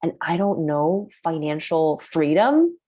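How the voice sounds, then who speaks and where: This workshop host speaks in a low, warm, sing-song voice and takes her time. She's a native Chinese speaker whose relaxed, talkative style is peppered with "like."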